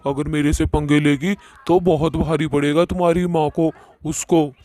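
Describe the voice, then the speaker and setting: A man's voice: on the high side, flat delivery, moderate pace, warm tone, close to an everyday voice. Man voicing a bossy threatening ghost boyfriend.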